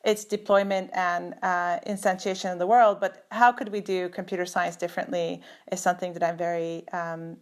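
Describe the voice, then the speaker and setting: A middle-aged Turkish computer scientist speaks as an interview guest over a video call, thoughtful and full of fillers and restarts. Her fairly low voice shows little pitch movement, at a moderate pace with few pauses, in a conversational interview.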